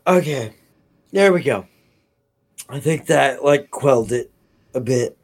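A man's voice: mid-range voice, animated, slow pace, no echo. A man co-hosting a casual chat about a TV episode, rambling, restarting his sentences and swearing now and then. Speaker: podcast co-host.

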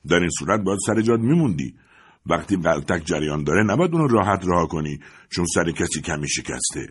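A man's voice: deep voice, sing-song, husky, full character voice. A man voicing a contemptuous factory foreman who grumbles, mocks and scolds. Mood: scornful.

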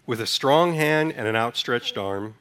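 A man's voice: medium pitch, lively intonation, measured pace, fairly bright tone. A man from Sudan preaching a sermon to a congregation, talking casually, putting questions to them and then leading a responsive reading line by line. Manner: conversational, asks the congregation questions. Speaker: pastor.

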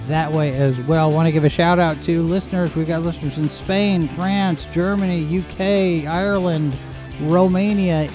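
Guy hosting a livestream, slightly high voice, casual news chat, keeps wandering off, faint music behind. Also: darkish tone. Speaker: host and editor of a live show.

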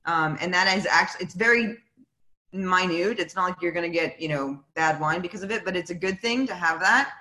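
A woman's voice: lowish voice, normal speed, roomy sound, poor audio. A woman winemaker telling stories in a casual chat, acting out the voices of the people she quotes. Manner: animated, acts out quoted voices. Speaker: winemaker guest. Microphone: video call.

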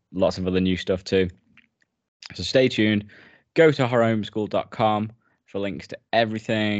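A man's voice: on the low side, no room sound, lo-fi sound. A British man co-hosting a podcast in casual chat, laughing often as he wraps up the episode. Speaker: podcast co-host.

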